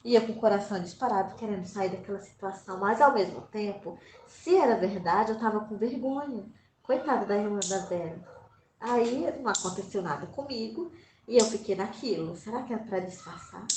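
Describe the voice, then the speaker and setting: A woman telling a true story from her own childhood in an animated, dramatic way, acting out her own past reactions. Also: mid-range voice. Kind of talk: animated first-person storytelling. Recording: roomy with faint background noise.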